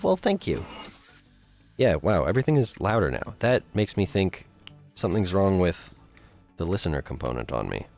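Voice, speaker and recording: A man streaming live, chatting casually with viewers and thinking aloud as he builds. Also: fairly low pitch.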